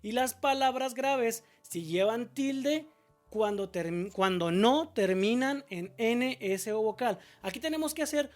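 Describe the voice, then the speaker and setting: A woman teaching a spelling lesson, her voice sitting a little high. She is patient and goes step by step, asking a question and then answering it herself. Example words come out slowly, stretched syllable by syllable, over faint music in the background.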